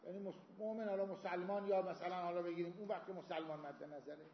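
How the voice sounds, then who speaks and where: A man's voice: sits high, fairly even intonation, a little hiss or hum. A man teaching a seminary class on Islamic jurisprudence, explaining points with everyday examples and quoting Arabic texts. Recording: echoey hall, dull lo-fi sound.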